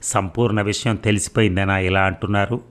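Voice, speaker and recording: A man reading aloud as a hurt, sharp-tongued young wife who speaks in a sarcastic, accusing way. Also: sits low, steady tone, brisk, natural voice. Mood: bitter accusing.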